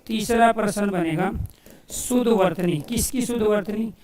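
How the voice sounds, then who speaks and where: A male coaching teacher giving a Hindi grammar lesson for exam students, asking questions and answering them himself and repeating key phrases slowly as if dictating. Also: high-pitched, a little mellow, roomy sound, far from the mic. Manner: addresses listeners as dear friends.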